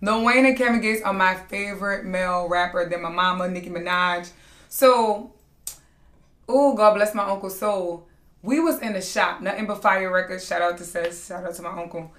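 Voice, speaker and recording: Bright young woman. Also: mid-range voice, moderate pace. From New Orleans. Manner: candid, animated storytelling. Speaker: guest, aspiring singer. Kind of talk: casual interview chat. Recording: echoey room.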